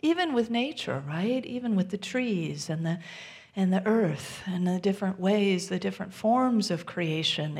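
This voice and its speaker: A woman minister giving a gentle, reflective sermon, often dropping to a soft near-whisper. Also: mid-range voice, vocal fry.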